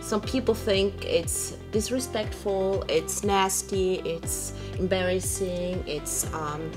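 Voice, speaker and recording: Woman, average pitch, casual interview talk, hesitant phrasing, searching for words, clear background music. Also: fairly even intonation, slow pace.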